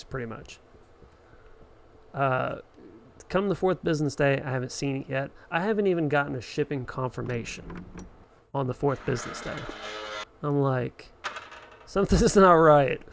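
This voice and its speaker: A man casually chatting on a live stream while playing a horror game, swearing and yelling at the enemies. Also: medium pitch, gravelly, slight background noise.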